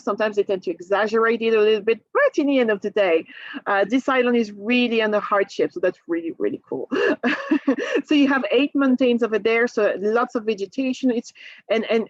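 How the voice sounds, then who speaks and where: A woman's voice: fairly high pitch, no room sound. Chatty French-accented woman, dull dry sound. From France. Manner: chatty, laughs often, frequent restarts. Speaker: travel agent presenting a cruise. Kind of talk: casual presentation to a group.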